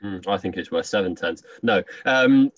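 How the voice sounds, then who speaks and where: A man's voice: sits low, animated, normal speed, no echo. A man co-hosting a casual chat, joking and rambling with lots of "like". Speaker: podcast co-host. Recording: distant, dry, dull lo-fi sound.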